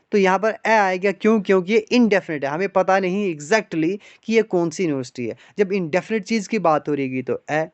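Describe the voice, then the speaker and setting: A man with a fairly high voice teaches English grammar to exam aspirants, explaining one step at a time. He keeps asking his class rhetorical questions and calls them "guys." The recording is dry and a little dull. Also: clear, resonant tone, no echo. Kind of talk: classroom lecture in Hindi mixed with English. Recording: dry, slightly dull online lecture audio.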